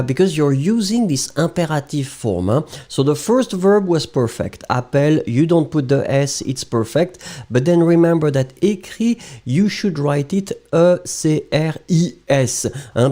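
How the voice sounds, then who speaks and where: Native french guy teaching, reads comments out slow, mellow voice that jumps around a lot, laughs a bunch. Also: a little high. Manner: chuckling, relaxed, mixes English explanations with French. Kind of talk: live lesson reading out viewer comments.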